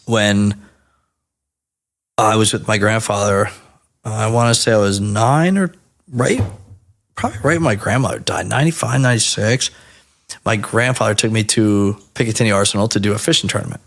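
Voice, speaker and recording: A man in his thirties from New Jersey, telling stories as a podcast guest in a casual, animated and profane way. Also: lowish voice, normal speed, long pauses.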